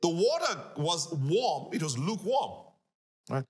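A middle-aged man, a pastor, teaching scripture on a talk show in an animated, emphatic way, repeating key phrases. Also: on the high side, unhurried. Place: living-room studio set, indoors.

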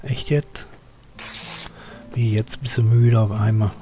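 A man's voice: lowish voice, fairly even intonation, slow, music in the background. An older man gives chatty live game commentary, muttering to himself and grumbling at his character. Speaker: let's play streamer.

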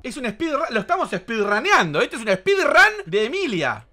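An Argentine man calls out his horror gameplay as he goes, rough-mouthed and quick to laugh. His voice sits high and swings up and down with excitement. His tone is strikingly bright and sharp. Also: soft background music. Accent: Rioplatense Argentine Spanish. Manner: crude, excitable, laughing and swearing at the game. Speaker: gaming streamer. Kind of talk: live gameplay commentary.

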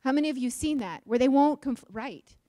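A woman's voice: high voice, brisk, no echo, studio quality. A woman from Utah giving a conference talk, asking the audience questions and joking. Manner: lively, questions the audience, jokes. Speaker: conference speaker.

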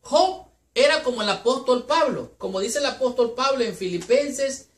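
A woman with a slightly high voice teaches a Sabbath school Bible lesson. She speaks in an earnest, unhurried way and reads scripture aloud between her explanations. Her voice rings in a roomy, echoey space. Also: expressive. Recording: echoey room.

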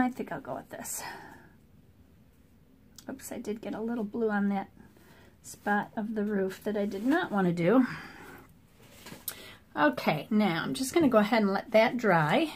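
Woman chatting while she paints. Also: mid-range voice. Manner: relaxed, chatty running commentary. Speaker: watercolor artist. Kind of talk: thinking aloud while painting. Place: art table indoors, voice from off camera.

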